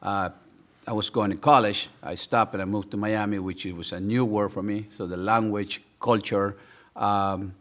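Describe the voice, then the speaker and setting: A man's voice: lowish voice, steady tone, moderate pace, a bit bright. A man, a business owner telling his story as a podcast guest with enthusiasm and many fillers. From El Salvador. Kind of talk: casual interview.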